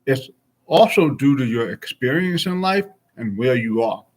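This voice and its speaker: A man's voice: medium pitch, expressive, unhurried. A man of forty chatting casually and frankly with his stream viewers, rambling from thought to thought. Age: 40s.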